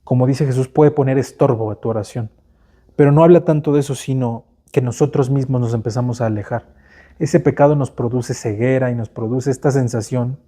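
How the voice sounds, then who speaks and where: A man with a Mexican Spanish accent preaching to his congregation in a relaxed, chatty way, full of slang and tag questions. His voice is very dark and mellow, sitting at a middle pitch. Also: a little fast. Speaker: pastor. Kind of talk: sermon.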